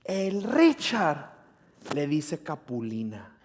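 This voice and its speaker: A middle-aged man with a Mexican accent preaching a sermon in a church, telling a personal story in a chatty, animated way and often asking the congregation questions. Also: fairly high pitch, drawn-out words, a little hiss or hum. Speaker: pastor. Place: church hall.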